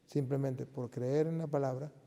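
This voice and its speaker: Earnest priest with a gravelly voice. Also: male voice, mid-range voice, steady tone, moderate pace, mellow. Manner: earnest, emphatic, with many restarts. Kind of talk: personal testimony talk. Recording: long reverb of a large hall.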